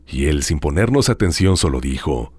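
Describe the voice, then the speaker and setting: Male horror-story host, very deep and slightly raspy, expressive dramatic delivery. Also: dry recording. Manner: dramatic, hushed storytelling with drawn-out pauses. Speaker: host reading listener horror stories. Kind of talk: scripted horror narration.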